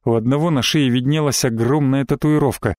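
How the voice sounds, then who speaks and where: A man's voice: mid-range voice, a little fast, a little mellow, no echo, clean studio sound. A man narrating a first-person romance audiobook in a terse, brash voice.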